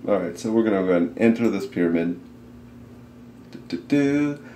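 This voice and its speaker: Low-voiced man chatting over gameplay. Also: expressive, brisk, dark tone, slight background noise. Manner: casual, swears, laughs often. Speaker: let's play co-host. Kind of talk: casual gameplay commentary. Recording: echoey room, faint game music.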